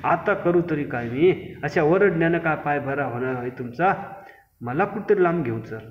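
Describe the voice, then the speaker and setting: A man's voice: on the high side, animated, normal speed, a little hiss or hum, lightly acted. A man doing a moaning, crafty village husband. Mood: pleading. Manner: moaning, pleading. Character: village husband, complaining of leg pain, crafty. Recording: echoey room, dull sound.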